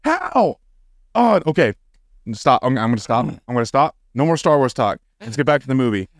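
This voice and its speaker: A man's voice: fast talker, no room sound, clean studio sound. A man co-hosting a casual podcast, swearing freely and breaking into exasperated rants. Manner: profane, ranting, gets loud and high when exasperated. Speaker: podcast co-host.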